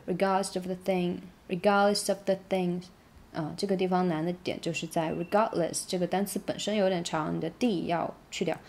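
A woman whose first language is Mandarin Chinese teaches English song pronunciation in a casual tutorial. She demonstrates the lyrics slowly, word by word, in a darkish voice on the low side.

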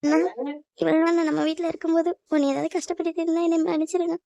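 A woman's voice: very high voice, level tone, brisk, vocal fry, fairly bright tone, no echo, muffled recording, full character voice. A woman voicing a crying young bride in a cartoon family drama, pleading and apologetic. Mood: tearful. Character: tearful young bride leaving home.

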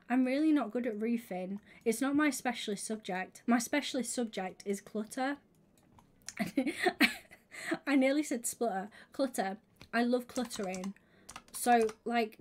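A young woman chatting casually on her live stream, bubbly and quick to laugh. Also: mid-range voice. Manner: bubbly, laughs often, squeals when excited.

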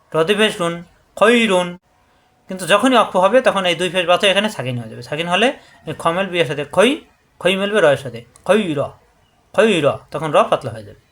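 High-voiced man teaching Quran reading. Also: fairly bright tone. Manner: slow, repetitive drilling of syllables; explains rules step by step, addressing viewers. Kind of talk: tajweed lesson.

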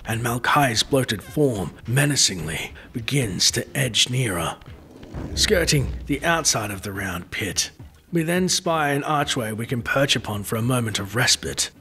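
A man's voice: mid-range voice, animated, unhurried, sharp tone. A man giving scripted, dramatic narration of a video game's story in formal, literary phrasing. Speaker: narrator of a game lore series.

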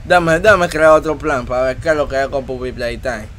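A man giving let's-play commentary, excitable, yelling and taunting the game monster. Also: mid-range voice, moderate pace, a little hiss or hum. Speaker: gamer host.

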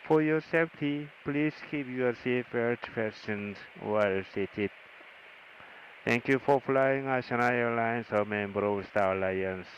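A man's voice: mid-range voice, rough recording. A man with a Korean accent, an airline captain giving a formal scripted in-flight announcement. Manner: formal, measured phrasing. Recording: hissy aircraft PA.

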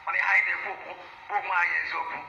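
Emphatic high-voiced Nigerian man at a rally. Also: fairly even intonation, racing, creaky, pushed and bright, dull audio, a little hiss or hum. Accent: Nigerian, Igbo-speaking. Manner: emphatic, switching between Igbo and English. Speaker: political rally speaker. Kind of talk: impassioned rally speech. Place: large hall with seated crowd. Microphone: handheld mic, far camera. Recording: echoey hall, from far off.

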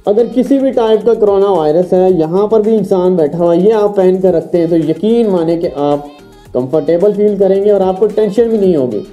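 A man's voice: sits high, moderate pace, faint music behind. A man reviewing a product in a chatty, enthusiastic way, speaking through a face mask. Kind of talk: casual unboxing review. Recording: muffled, dull lo-fi sound.

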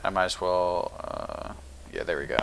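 A man's voice: sits low, normal speed, vocal fry, noisy background. A man giving casual, offhand gameplay commentary with dry humour. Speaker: gaming video host. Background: game music.

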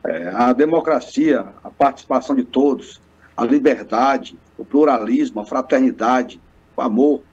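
Speaking from a bookshelf-lined office over a webcam, this Brazilian guest, a lawyer in his thirties from Piauí, has a husky, darkish, medium-pitched voice. His delivery is earnest, formal and speechlike, though he often stops and restarts phrases hesitantly. The call audio is muffled.

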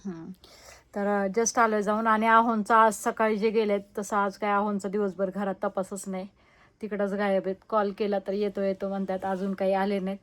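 A woman's voice: medium pitch, flat delivery, normal speed. A young woman, chatting casually in a family vlog and teasing the kids. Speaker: vlogger.

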